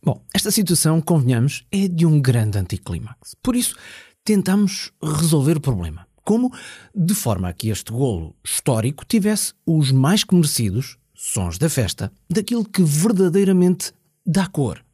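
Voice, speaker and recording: Male host, European Portuguese accent, highish yet soft-toned, animated and wry, scripted narration with dramatic pauses. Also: husky, no room sound, studio quality. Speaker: podcast host and interviewer. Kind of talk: scripted narration and interview questions.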